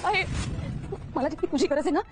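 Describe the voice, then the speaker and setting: A woman's voice: high-pitched, a little fast, close to an everyday voice. An actress playing a tearful, self-pitying young woman who pleads and repeats herself in a TV serial. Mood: pleading. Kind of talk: TV serial drama. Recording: TV clip with loud music.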